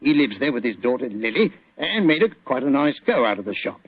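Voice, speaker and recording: Gravelly police inspector Lestrade. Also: male voice, medium pitch, big pitch swings, a little fast, no room sound. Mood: matter-of-fact. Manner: colloquial, chatty, deferential. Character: deferential, plain-spoken London police inspector. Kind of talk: 1940s radio acting. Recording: muffled vintage radio recording.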